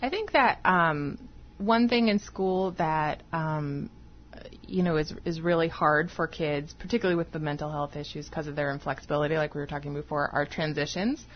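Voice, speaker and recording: Female expert guest, lower register, methodical explainer, dull radio sound. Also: moderate pace, slight background noise. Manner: explains step by step, with examples. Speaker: guest expert, behavioral analyst.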